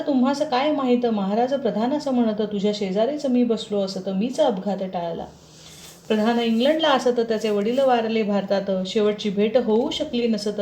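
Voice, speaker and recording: A woman recites a devotional text in short, steady chanted verse lines. Her voice sits fairly high but sounds mellow and soft-edged. The recording has a noticeable echo, as if made in a reverberant room.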